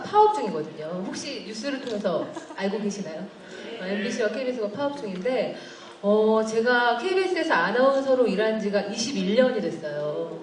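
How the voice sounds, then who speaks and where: A woman announcer in her forties emcees a live talk event, chatty and lightly laughing, her voice rising and falling a lot. She sounds somewhat far from the mic in an echoey hall with an audience around her. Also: a little high. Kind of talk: polished emcee speech. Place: large conference hall.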